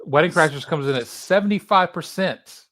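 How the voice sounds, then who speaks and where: A man's voice: on the high side, normal speed, fairly bright tone. Man hosting a casual movie chat. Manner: wry, reads listener reviews aloud. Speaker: podcast host.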